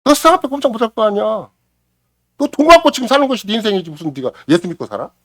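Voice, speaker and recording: Middle-aged male preacher delivering a sermon, hugely expressive pitch, dramatic loud-to-hushed swings, dry close recording. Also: rapid-fire, no room sound. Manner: preaches with sweeping swings between loud exclamation and hushed near-whisper; acts out quoted voices and prayers dramatically. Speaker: pastor. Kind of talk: Sunday morning sermon. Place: church sanctuary.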